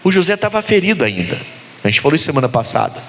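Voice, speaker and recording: A pastor delivering a lively sermon, his fairly high-pitched male voice leaping up for emphasis. He keeps calling out to the congregation for their amens as he preaches. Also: quick pace.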